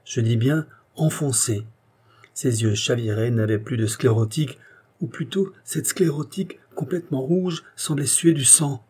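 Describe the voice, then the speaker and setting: Man, audiobook reader, husky voice, mellow dark tone, intense dramatic reading. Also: mid-range voice, measured pace. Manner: intense, swells to anguished outbursts.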